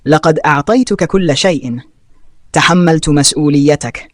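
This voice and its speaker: A young sister confronts her brother, sharp and firm in her sense of betrayal, read by a male storyteller. The voice is fairly high. It is recorded close and dry. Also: normal speed, no echo, close to an everyday voice. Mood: indignant.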